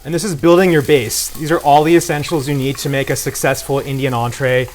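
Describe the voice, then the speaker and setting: A guest cook who co-founded a beer brand chats casually and enthusiastically at a cooking demo, with a promotional way of talking. His mid-range voice is fairly even in intonation and a little fast, and the sizzling and frying of the pan come through clearly.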